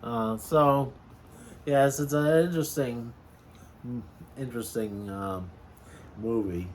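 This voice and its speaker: A man with an unhurried, slow delivery recounts a film in casual conversation. He is halting and hesitant, choosing rather formal words. Some ambient noise sits behind his voice. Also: medium pitch, steady tone. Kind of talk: casual chat retelling a film.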